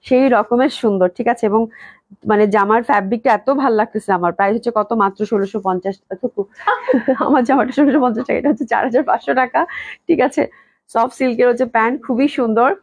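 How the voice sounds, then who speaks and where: Young woman selling dresses live, hoarse from a cold, gushes nonstop, kinda high voice, dry sound. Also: a little mellow, no echo. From Bangladesh. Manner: gushing, repetitive praise. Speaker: online clothing seller. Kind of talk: live sales stream.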